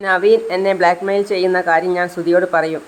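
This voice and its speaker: A woman's voice: fairly low pitch, fairly even intonation, fast, close to an everyday voice, low-quality recording. Woman reading a scared bride-to-be, anxious, asking what to do. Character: anxious young bride, desperate.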